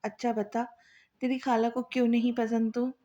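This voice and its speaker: A woman voicing a bold, sharp-tongued young woman who teases and bosses others, in a storybook reading. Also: on the high side, level tone, normal speed, muffled recording, lightly acted. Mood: teasing. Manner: bossy, teasing.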